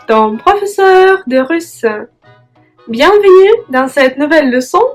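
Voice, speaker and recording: A young woman with a Russian accent teaching a language lesson, patient and careful, drawing out each Russian word. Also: sits high.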